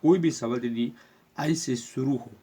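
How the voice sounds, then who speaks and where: A man with an Indian accent teaching a spelling rule in a slow classroom explanation, repeating words and spelling them out letter by letter. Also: mid-range voice, warm tone, slightly rough.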